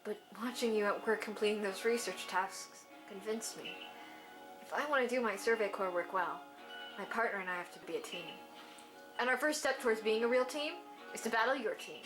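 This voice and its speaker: A woman's voice: medium pitch, fairly quick, music in the background, pitched below the performer's own voice, close to an everyday voice, low-quality recording. A woman voicing an earnest, determined young male survey-team partner in a game.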